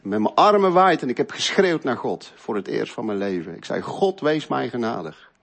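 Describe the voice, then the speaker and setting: A middle-aged man telling an earnest, emotional personal faith testimony, moving between loud stretches and hushed ones. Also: medium pitch, very animated, brisk. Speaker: speaker giving a faith testimony.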